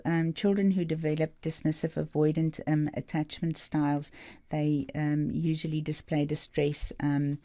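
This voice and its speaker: Mellow, dry-sounding female expert guest. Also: low-pitched, no room sound. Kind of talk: explanatory radio interview talk.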